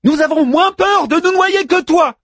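A man voicing a small, plucky male robot sailor in an audiobook, in a high, excited and emphatic voice. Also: normal speed, no room sound, studio quality. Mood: shouting theatrically.

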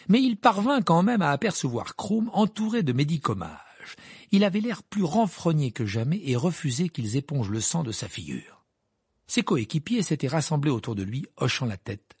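Expressive husky male audiobook narrator. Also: fairly high pitch, no room sound, clean studio sound. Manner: expressive, animated reading. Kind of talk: scripted narration.

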